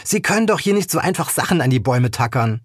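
A man's voice: mid-range voice, expressive, fast talker, no echo, studio quality, close to an everyday voice. A man reading aloud and voicing an indignant, bony older woman who lectures and scolds. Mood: scolding.

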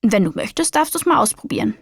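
A woman's voice: on the high side, big pitch swings, fast talker, creaky, slightly rough, no echo, studio quality, full character voice. Woman reading a patient kindly children's doctor. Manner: warm, encouraging, explaining.

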